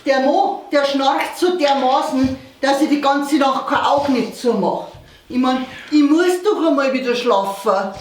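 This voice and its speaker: A woman's voice: sits high, unhurried. A woman playing an exasperated, naive patient with a plaintive Bavarian accent in a comedy sketch. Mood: plaintive, weary. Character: exasperated, sleep-deprived, naive female patient of a village doctor. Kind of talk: comedy sketch dialogue in dialect. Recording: echoey room, distant mic, background noise.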